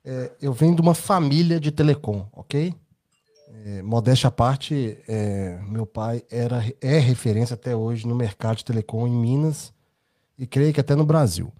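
Brazilian male co-host, mellow warm tone, casual rambling storyteller, Brazilian accent. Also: mid-range voice, moderate pace. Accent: Brazilian Portuguese. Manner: anecdotal, rambling, tag questions. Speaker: podcast co-host. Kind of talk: casual podcast chat.

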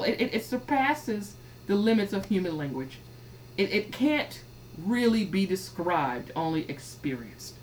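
Animated woman reading and riffing. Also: lowish voice, a little hiss or hum, low-quality recording. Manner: animated, rambling with restarts and laughs. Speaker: podcast host. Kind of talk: casual commentary with scripture reading.

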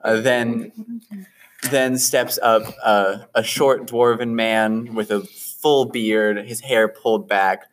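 A man narrating a tabletop game as game master, unhurried with frequent fillers. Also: fairly low pitch, fairly even intonation.

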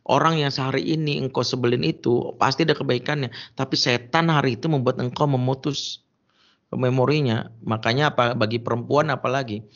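A man's voice: mid-range voice, fairly even intonation, brisk. A man preaching a humorous sermon, emphatic and joking as he tells stories and gives advice, on a dull lo-fi recording.

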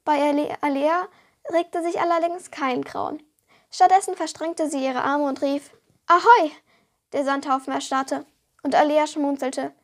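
A woman reading a children's fantasy book excerpt aloud with lively storytelling. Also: high-pitched, moderate pace. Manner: lively storytelling, voicing the characters. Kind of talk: audiobook reading.

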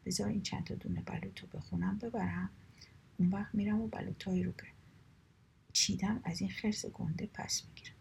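A woman voicing a quarrelsome, hot-tempered male squirrel in a children's storybook, speaking loudly and indignantly. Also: medium pitch, fairly even intonation, vocal fry, in a whisper. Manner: loud, indignant.

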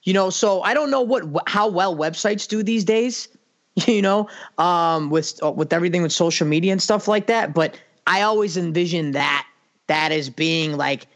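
Halting, casual male podcast co-host. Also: high voice, fairly bright tone. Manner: casual, halting, full of restarts and swearing.

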